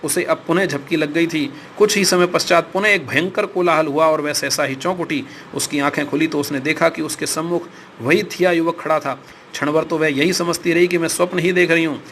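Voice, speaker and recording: A man narrates an audiobook in a steady, formal reading style. His voice sits a little high for a man. Faint noise lies under the recording. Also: a little fast.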